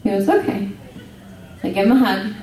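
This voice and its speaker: A woman's voice: medium pitch, moderate pace, mellow. A woman doing a stand-up comedy set in a bar, telling brash, profane stories with big swings in her voice. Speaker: stand-up comic. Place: bar stage before a live crowd. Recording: echoey room, mic from a distance. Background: crowd laughter.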